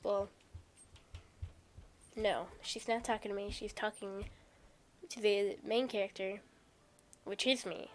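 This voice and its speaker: A woman's voice: mid-range voice, fairly even intonation, slow pace, long pauses, a little hiss or hum. A woman playing a video game, reading a visual novel aloud and making chatty, joking asides to viewers.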